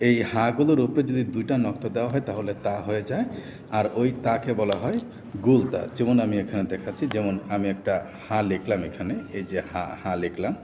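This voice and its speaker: A man's voice: on the low side, mellow. Male Quran reading teacher, Bangladeshi Bengali accent, patient letter-by-letter spelling drills, voice carrying a long echo over a faint hum. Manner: spells out letters and vowel marks slowly, then blends them. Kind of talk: step-by-step recitation lesson. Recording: roomy long reverb, faint background hum.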